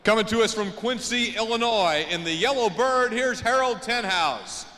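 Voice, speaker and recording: A man working as a tractor pull announcer, introducing competitors in a showy delivery with drawn-out names. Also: high voice, pushed and bright. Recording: arena PA with long reverb.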